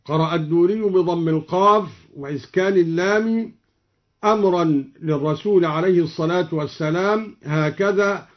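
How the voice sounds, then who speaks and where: A man teaching Quran reading variants in a measured, deliberate way, switching between plain explanation and chanted verses, from an old radio recording. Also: high-pitched, highs cut off.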